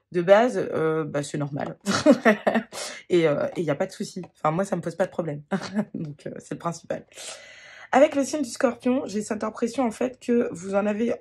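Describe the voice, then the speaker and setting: A tarot reader talking through a reading in a husky, slightly breathy voice. The delivery is gentle and halting, full of fillers and restarts, pitched in a middle range. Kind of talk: spontaneous card-reading monologue.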